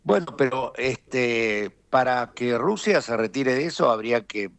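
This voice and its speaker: An Argentine businessman being interviewed, explaining his views deliberately and filling pauses with frequent hesitations. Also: mid-range voice, animated, fairly bright tone, dry recording. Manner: deliberate, thinking aloud with frequent "este" fillers. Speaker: businessman guest. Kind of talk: conversational interview analysis.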